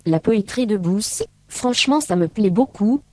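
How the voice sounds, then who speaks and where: Beep, a chirpy squeaking robot. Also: male voice, animated, moderate pace, darkish tone, no room sound. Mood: delighted. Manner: answers in chirpy beeps and short French phrases. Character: cheerful little beeping robot tramp.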